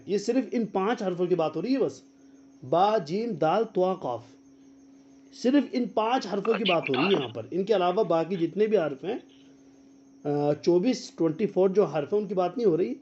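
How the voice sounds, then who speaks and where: High, lively man teaching online. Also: dull audio, a little hiss or hum. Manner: quizzes students and repeats their answers; spells out letters slowly, drilling. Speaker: Quran teacher. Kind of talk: online tajweed lesson. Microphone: video call.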